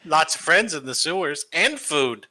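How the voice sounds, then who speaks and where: A man playing an excitable, simple-minded supervillain with childlike enthusiasm in a tabletop game. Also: on the high side, measured pace, full character voice. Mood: eager, gleeful. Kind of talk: tabletop role-play banter.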